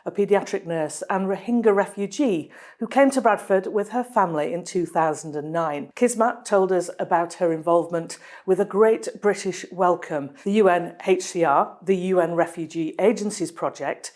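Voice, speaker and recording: Presenter, female, lowish voice, reads a scripted round-up with upbeat clarity. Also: normal speed, hardly any pauses, a little mellow. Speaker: hospital trust presenter. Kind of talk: scripted news round-up narration.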